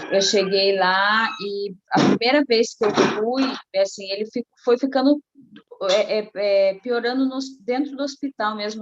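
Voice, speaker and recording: A middle-aged woman, telling a personal faith testimony in a casual, animated way. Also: medium pitch, muffled recording. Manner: animated storytelling, acting out quoted voices. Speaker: guest giving a testimony.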